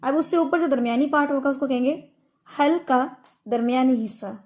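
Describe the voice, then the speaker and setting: A woman's voice: high voice, a little mellow. A woman teaching Quran recitation in an online lesson, explaining patiently and stretching out her examples. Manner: slow, patient explaining with drawn-out Arabic examples.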